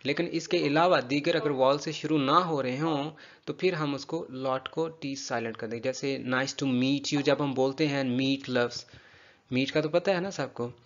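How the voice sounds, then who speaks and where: A man teaching English pronunciation, patiently drilling words slowly and repeating them for a learner. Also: mid-range voice, lo-fi sound. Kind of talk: spoken language lesson.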